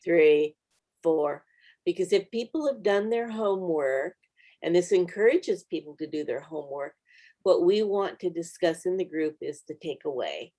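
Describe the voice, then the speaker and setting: Leading a small-group Bible study on video, a woman offers reflective, encouraging advice to group members in a conversational way. Her voice is slightly low and warm. She speaks at a moderate pace with lively intonation.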